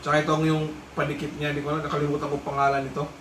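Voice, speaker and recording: Speaking rapid-fire in a fairly high monotone, a Filipino-accented vlogger casually explains a motorcycle intercom, repeating himself as he goes. The recording has a distant mic, room echo and faint noise.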